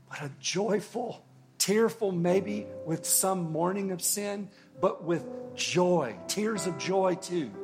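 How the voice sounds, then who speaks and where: A man preaching a sermon as pastor, earnest and unhurried, with long pauses and words that fall away softly. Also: a little high. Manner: slow, earnest preaching with long pauses and soft drops in volume.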